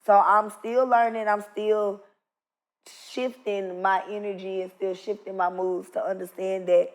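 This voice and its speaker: A woman's voice: mid-range voice, fairly even intonation, a little slow. A woman in her mid thirties talks frankly in a casual podcast conversation. Her delivery is candid and blunt, but turns reflective as she talks about herself. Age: 30s. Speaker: podcast guest. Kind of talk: casual chat.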